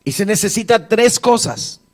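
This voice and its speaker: In a church service, a male pastor gives a lively sermon built on storytelling, speaking at normal speed in a voice a little higher than most men's. He acts out Bible dialogue and scenes, chatting easily and joking with the congregation.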